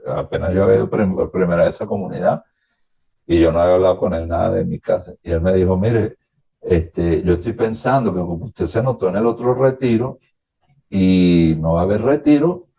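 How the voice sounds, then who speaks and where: A priest from Venezuela, a man, telling his own story as a radio interview guest, recounting past conversations in a halting, reflective way. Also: low-pitched, creaky, mellow, slightly rough.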